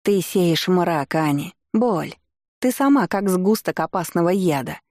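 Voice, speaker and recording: A woman's voice: lowish voice, lively intonation, a little slow, darkish tone, no room sound, clean studio sound. A woman voicing a sneering jealous witch. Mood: accusing. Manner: accusing, sneering. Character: furious jealous young aristocratic witch woman. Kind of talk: audiobook character voice.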